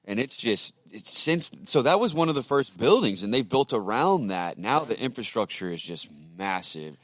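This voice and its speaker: A man's voice: medium pitch, sing-song, moderate pace, no room sound. A man from Texas hosting a casual conversation, talking loosely with plenty of "you know" and "like". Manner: loose, filler-heavy talk full of "you know" and "like".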